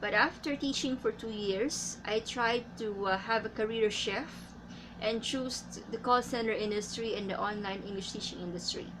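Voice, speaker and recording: In a casual vlog with a noisy background, a woman from the Philippines who teaches English gives advice in a slightly high voice and a Filipino accent. She talks deliberately and unhurriedly, pausing often and saying "uh" a lot.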